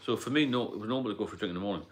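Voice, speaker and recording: Racing along in a fairly low voice, this man hosts a laid-back livestream chat. He rambles in plain language and responds to viewers' comments on the fly.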